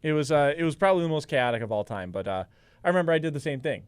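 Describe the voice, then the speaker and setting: A young man co-hosting a sports podcast in casual chat, animated and teasing. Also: a little high, racing, smooth, dry recording. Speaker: podcast co-host.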